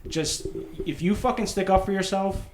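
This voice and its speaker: A man's voice: high-pitched, normal speed, darkish tone, reverberant, slight background noise. A man who grew up in New York, telling stories bluntly in a casual podcast chat, swearing often.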